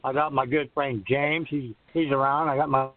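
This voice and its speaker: A man's voice: medium pitch, fairly even intonation, normal speed, background noise. Anxious man calling in over the phone. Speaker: caller. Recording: tinny phone line.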